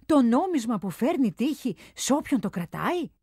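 A woman's voice: fairly high pitch, sing-song, warm tone, husky, no room sound, studio quality, voice pushed up, exaggerated voice. A woman voicing an absent-minded young Athenian man who frets and wonders aloud in a storybook reading. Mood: puzzled.

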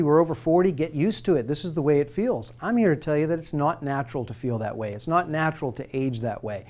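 A man's voice: on the high side, a little mellow. A man in his forties giving a persuasive scripted presentation to camera, asking the viewer direct questions, recorded in a studio on a lapel mic. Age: 40s. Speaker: hormone therapy presenter. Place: studio with plain light backdrop.

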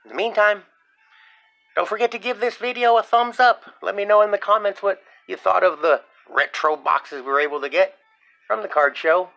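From his desk at home, and later a convention hall, a man hosts a sports card vlog, chatty and upbeat with lots of fillers. His high-pitched voice is bright and forceful, with vocal fry, at a moderate pace.

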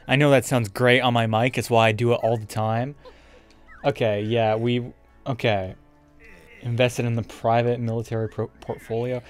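A young man giving casual, rambling let's play commentary with frequent swearing, as a gaming YouTuber. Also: mid-range voice. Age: young adult. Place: indoor room with webcam setup. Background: game music.

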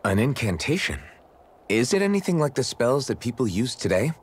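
A man's voice: medium pitch, very animated, a little fast, slightly rough. A man voicing a kind, sincere young male swordsman in a video game.

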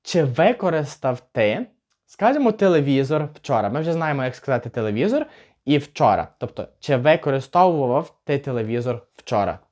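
A young male language teacher explains grammar step by step at a medium pitch. He slows right down to model each example phrase carefully, then picks the pace back up for his explanations. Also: sing-song, a little mellow. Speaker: English teacher. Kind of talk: language lesson for beginners.

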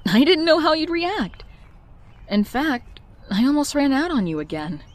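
A woman's voice: high voice, big pitch swings, unhurried. A woman voicing Mary Jane, a fiery but guarded young woman, telling her story in a heartfelt, confessional way in a comic dub. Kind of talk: comic dub narration and dialogue.

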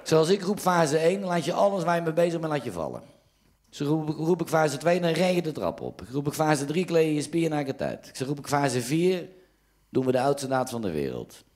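A man's voice: fairly high pitch, fairly quick. A man with a Dutch accent telling jokes as a stand-up comedian, raising his voice whenever he quotes someone. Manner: lively storyteller who raises his voice for quoted lines. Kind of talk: joke telling.

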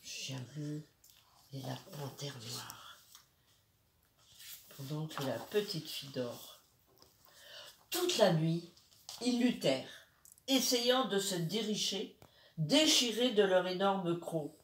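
A woman reads a children's bedtime story slowly and expressively, her voice on the lower side. She stops now and then to speak to the children. The sound is roomy and a little distant from the mic. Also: slight background noise. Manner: slow, expressive reading with asides to children.

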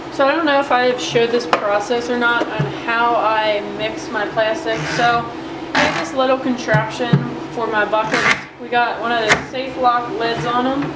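A bait maker with a voice on the high side chats cheerfully, with many fillers, while showing how she makes soft plastic fishing baits at her home workshop bench. An air-conditioning hum is noticeable throughout this casual tutorial.

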